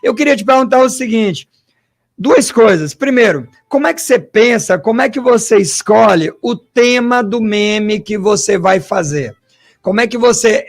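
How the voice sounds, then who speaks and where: A man, a historian hosting an interview, asking long questions and thinking aloud in an animated way with rhetorical asides. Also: sits high. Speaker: host and historian.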